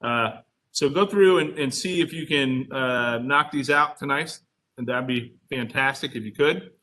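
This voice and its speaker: A man's voice: mid-range voice, unhurried, pushed and bright. A man teaching an online class as instructor in a casual, conversational, explanatory way.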